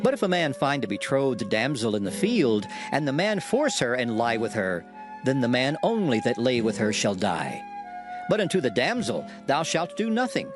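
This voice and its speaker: Solemn man reading scripture, very animated pitch. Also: moderate pace. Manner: solemn, declamatory. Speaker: Bible narrator. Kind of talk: dramatized scripture reading in archaic English. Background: music under the voice.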